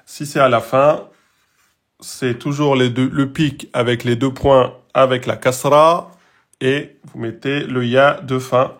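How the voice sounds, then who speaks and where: Slow, patient male Arabic teacher. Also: medium pitch, steady tone. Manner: slow, patient, repeats rules and models sounds. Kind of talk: online lesson.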